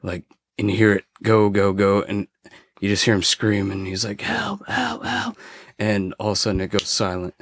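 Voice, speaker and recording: A man on a podcast, a former forest ranger, casually telling a story with frequent swearing and halting restarts. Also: fairly low pitch, little pitch movement, no room sound.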